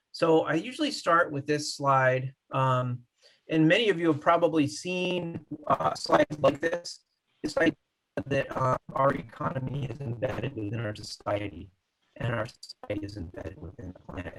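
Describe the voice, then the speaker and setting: A man's voice: lowish voice, creaky, a bit bright. A man giving an online lecture on design with slides, thoughtful and full of fillers and restarts, his call audio choppy and robotic. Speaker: landscape architecture professor. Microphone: computer mic on a video call.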